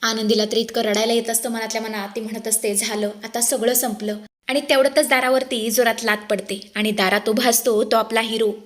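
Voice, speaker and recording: A woman narrating a TV serial recap in a lively storytelling manner, addressing listeners as friends. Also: on the high side, brisk, few pauses.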